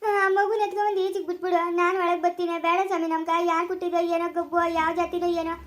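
A woman's voice: very high voice, level tone, rapid-fire. A woman playing a distraught village wife in a family skit, speaking in a tearful, wailing voice with a rural Chikkaballapura Kannada accent. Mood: tearful, lamenting.

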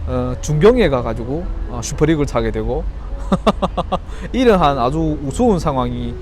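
A man's voice: medium pitch, animated, normal speed, a little mellow, slight background noise. A man from Yanbian with a Chinese Korean accent giving an earnest, critical, unscripted opinion commentary as a YouTuber, often posing rhetorical questions. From Yanbian, China. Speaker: YouTuber and football fan commentator.

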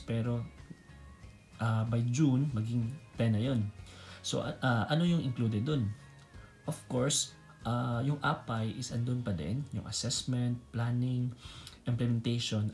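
A man's voice: mid-range voice, steady tone, normal speed, darkish tone, soft background music. A man in his thirties with a Filipino accent and Bisaya as his native language, mixing Tagalog and English as he explains things in a casual instructional vlog. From Philippines. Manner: mixes Tagalog and English (Taglish). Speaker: nurse educator, video host. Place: small room indoors.

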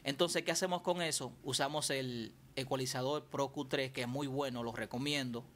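A man's voice: medium pitch, steady tone, moderate pace, a bit bright, slight background noise. A man giving a casual tutorial on mixing vocals, chatty and repeating himself as he explains. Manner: chatty, repeats and restarts phrases while explaining. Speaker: music producer teaching vocal mixing.

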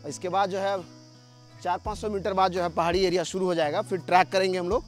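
A man with a notably high voice talks viewers through a waterfall trip, filmed by a companion as he walks a forest path. His delivery is lively and direct, and he chats with passers-by along the way. Faint music sits underneath. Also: quick pace. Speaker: travel vlogger. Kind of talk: on-location travel vlog commentary. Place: outdoors on a forest trail by a waterfall. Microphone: camera filmed by a companion while walking.

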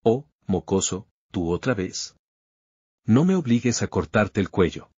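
A man's voice: fairly low pitch, sing-song, unhurried, darkish tone, husky, no echo, muffled recording, exaggerated voice. A man voicing an arrogant male thug in a manhwa recap, speaking in a taunting, sneering way.

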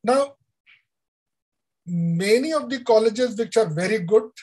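Older Indian man giving a husky lecture. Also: high-pitched, lively intonation, darkish tone, poor audio. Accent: Indian English. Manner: deliberate, explanatory, with frequent uh fillers. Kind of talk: online lecture on education policy. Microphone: video call.

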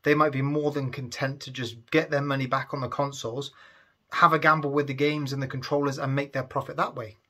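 Here the reseller vlogger, a man in his thirties, sounds pushed and bright, medium in pitch, level in tone and a little fast. He cheerfully runs through his sales to camera from a storage room lined with toy shelves.

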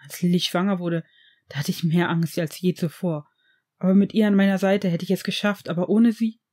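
Woman reading a guilt-ridden male potions master, pleading, mellow voice, audiobook. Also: lowish voice, fairly even intonation, a little fast, lightly acted. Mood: anguished. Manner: pleading, raised in anguish. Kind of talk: audiobook reading of fan fiction.

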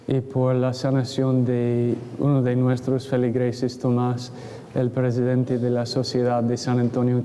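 Male priest, solemn liturgical prayer, very flat pitch, cathedral echo with long reverb, congregation around. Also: a little hiss or hum. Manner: solemn, measured, phrase-by-phrase delivery. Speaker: priest leading Mass. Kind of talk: liturgical recitation of creed and prayers. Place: large church, standing at the altar. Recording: echoey church with long reverb, congregation sounds.

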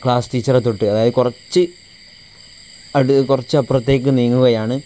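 A man's voice: medium pitch, flat delivery, moderate pace, warm tone, slight background noise. A male Arabic teacher giving a classroom lesson and translating a text line by line, repeating each phrase.

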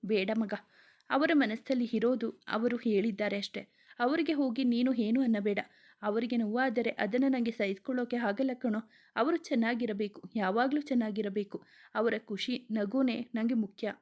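Casting: woman doing a gentle, heartbroken young man for a storybook, soft pleading lines, slightly high. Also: moderate pace, highs cut off, lightly acted. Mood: crying. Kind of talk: storybook reading.

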